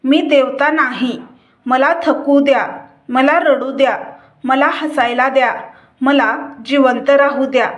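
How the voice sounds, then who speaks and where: A calm, inward-looking wife speaks in a high, unhurried voice, as a woman narrator gives her lines. She sounds gentle and thoughtful, as if she were asking herself the question. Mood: reflective. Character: tired middle-class wife, quiet, reflective.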